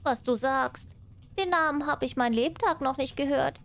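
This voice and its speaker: A woman's voice: sits high, moderate pace, gravelly, fairly bright tone, pitched above the performer's own voice. A woman voicing a small, trusting female mouse in a fairy tale, earnest and inquisitive. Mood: puzzled.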